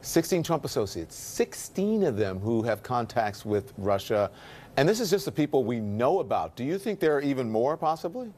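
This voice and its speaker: A man anchoring a cable news panel discussion, brisk and sometimes sarcastic as he questions guests. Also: mid-range voice, sing-song, darkish tone.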